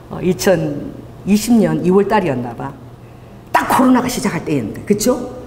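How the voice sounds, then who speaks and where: A middle-aged woman pastor preaching a sermon, telling stories with lively delivery and acting out dialogue. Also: lowish voice, a little slow, a little hiss or hum. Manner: animated storytelling, acting out dialogue. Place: church sanctuary. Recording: church hall reverb.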